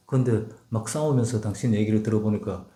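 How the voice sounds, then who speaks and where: A man's voice: fairly low pitch, fairly quick, mellow. An older man from Gyeongsang with a Gyeongsang accent, speaking tersely and bluntly in a casual talk with his wife. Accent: Gyeongsang Korean. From Gyeongsang province, Korea. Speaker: husband in a couple's talk. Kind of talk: casual chat. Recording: roomy echo.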